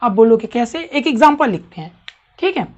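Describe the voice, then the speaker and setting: Woman teacher, high voice, quizzing her class often; dull lo-fi recording. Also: sing-song, moderate pace. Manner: questioning, checks understanding often. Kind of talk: classroom grammar lesson.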